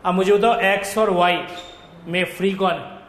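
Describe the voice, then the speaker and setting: Guy teaching class, high voice, keeps dictating n checking in, roomy echo. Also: fairly even intonation, a bit bright. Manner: dictates slowly and checks with students. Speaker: economics tutor. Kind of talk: classroom lecture dictating notes. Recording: echoey classroom with faint noise.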